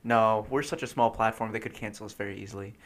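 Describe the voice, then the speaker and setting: A man's voice: fairly low pitch, steady tone, fast. A young man co-hosting a casual podcast, rambling through his stories with lots of fillers and laughing as he tells them. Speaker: podcast co-host.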